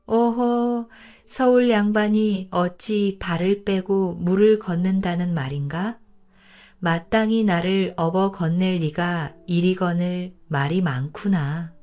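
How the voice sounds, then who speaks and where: A woman's voice: mid-range voice, unhurried, darkish tone, lightly acted. A woman voicing an arrogant young male scholar from the capital who scolds and then begs. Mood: haughty. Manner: haughty scolding, then begging.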